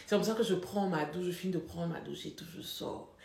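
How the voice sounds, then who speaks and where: A young woman spins a personal story in a casual, animated way, laughing and leaning hard on dramatic moments. Her voice sits low for a woman. The recording carries a roomy echo. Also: fairly quick, gravelly, slight background noise. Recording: echoey room.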